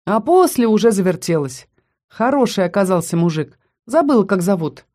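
A woman voicing a brisk, matter-of-fact young female student in an audiobook, retelling events in a chatty, blunt way. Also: medium pitch, sing-song, warm tone.

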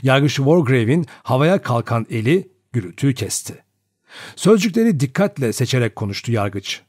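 A man narrating a novel as an audiobook, reading in an expressive, dramatic way. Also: medium pitch, moderate pace, husky, no room sound, clean studio sound.

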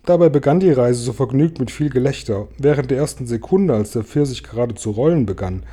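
A man reading a children's book aloud in a lively, expressive storytelling manner. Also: mid-range voice, a little fast. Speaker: reader.

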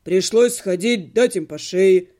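A woman voicing a gruff, offhand male mage in an audiobook. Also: mid-range voice, a little slow, warm tone, pitched below the performer's own voice, lightly acted. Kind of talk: audiobook character voice.

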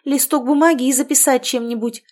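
A woman's voice: high voice, fairly even intonation, a little fast, a little mellow, voice pushed up. A woman reading as a frantic young woman. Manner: agitated, urgent. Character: frightened intense young woman.

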